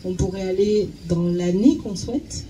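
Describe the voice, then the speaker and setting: A woman doing consecutive interpreting live speaks at normal speed with a medium-pitched voice. She sounds hesitant, often repeating words while she hunts for the right phrasing. The recording is low quality, with clear, steady background noise.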